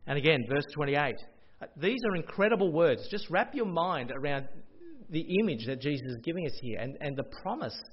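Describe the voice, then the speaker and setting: A man preaching a sermon as pastor, expressive and rising to loud proclamations. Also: fairly high pitch, a little fast, slightly rough. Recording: dull lo-fi audio.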